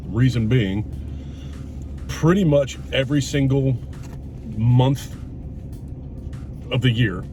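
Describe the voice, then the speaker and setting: A middle-aged man talks casually and candidly, as a vlogger would over a meal. His voice sits at an average pitch and his manner is blunt and reflective. He is recorded a little away from the mic in a car, with music behind him. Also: slow pace, pauses often, warm tone, recorded from a distance, a little hiss or hum. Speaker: YouTube vlogger. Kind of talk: casual, candid chat to camera and companion while eating.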